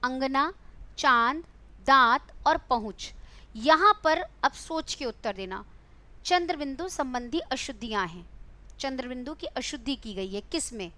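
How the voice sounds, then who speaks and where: A woman's voice: high voice, animated, measured pace, bright, forceful tone. A young adult woman teaching Hindi in an online exam-prep class, quizzing her students, coaxing them and calling them beta.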